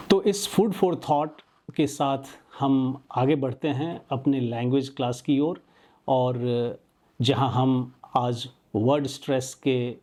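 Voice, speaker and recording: A man giving scripted narration as a presenter, in a measured and earnest way. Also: medium pitch, mellow.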